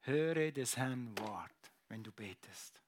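A middle-aged man preaching a sermon as pastor, emphatic, repeating phrases and swinging from loud to hushed. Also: mid-range voice, expressive, slow, a little hiss or hum.

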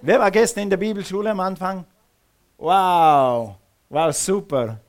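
A man's voice: sits high, measured pace. A male pastor preaching a sermon in a church hall, calling on the congregation to repeat words back to him. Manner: engages the congregation with call-and-response; uses some Swiss words.

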